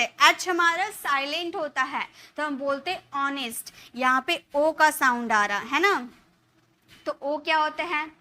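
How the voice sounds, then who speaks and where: A woman teaching spoken English in Hindi, walking through each example step by step. She poses a question and answers it herself. Her voice sits high and sounds bright.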